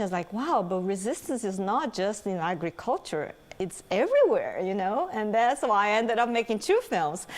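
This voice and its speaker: A woman from Brazil, a film director answering interview questions in an animated way, often laughing between points. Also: medium pitch. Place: film festival event.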